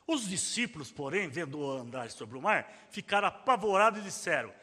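A man's voice: a little high, big pitch swings, moderate pace, slightly rough, long reverb tail. A man preaching a sermon in a dramatic way, calling out the cries he reads aloud. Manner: dramatic, shouting out quoted cries.

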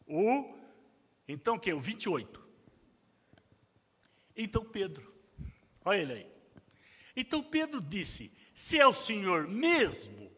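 A man's voice: high-pitched, long reverb tail. A man preaching a sermon in a dramatic way, calling out the cries he reads aloud. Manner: dramatic, shouting out quoted cries.

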